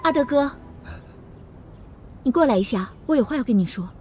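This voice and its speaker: An earnest young village son. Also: male voice, very high-pitched, animated, normal speed, darkish tone. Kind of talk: TV drama acting. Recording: drama audio with music underneath.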